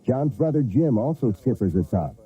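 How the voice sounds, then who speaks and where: A male TV news reporter narrating a scripted feature story in a measured, storytelling delivery. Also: medium pitch, big pitch swings, mellow, slightly rough. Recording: tinny VHS broadcast with music.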